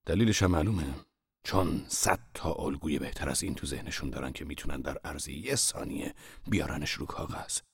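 Man doing a gruff old master painter, very deep voice, husky, scolding, dry close sound. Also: no room sound, exaggerated voice. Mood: lecturing. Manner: gruff, scolding, then lecturing. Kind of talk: audio drama acting.

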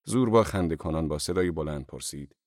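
A man narrating an audiobook in the first person, measured and calm. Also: a bass voice, dry recording, studio quality.

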